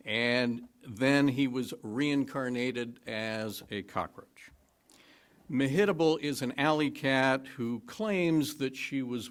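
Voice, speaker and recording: A man introducing a reading to a congregation, halting at first, then telling the backstory with dry, wry humor. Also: medium pitch, a bit bright. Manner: hesitant start, then wry storytelling. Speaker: lay speaker at a worship service.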